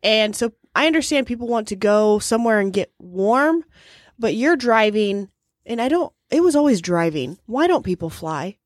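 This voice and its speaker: A woman's voice: fairly high pitch, expressive, moderate pace, dry recording, studio quality. Blunt woman in casual chat.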